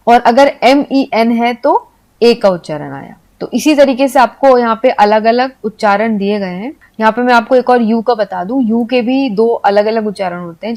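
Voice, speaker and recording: A woman giving a patient video lesson for Hindi speakers, explaining step by step and spelling letters out slowly. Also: a little high, a little mellow. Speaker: English teacher.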